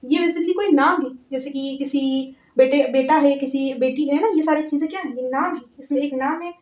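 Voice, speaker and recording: A woman teaching a grammar lesson step by step, patient, repeating words slowly and often checking that her students follow. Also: high-pitched, darkish tone. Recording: echoey, distant, slightly dull audio.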